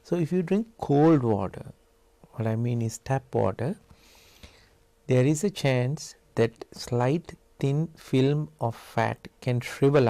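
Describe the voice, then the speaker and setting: Male doctor, Sri Lankan accent, giving a health explainer. Creaky voice, close dry sound, deliberate and instructive. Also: mid-range voice, dark tone, no echo. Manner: deliberate, instructive, spelling out each point. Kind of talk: explanatory health talk to camera.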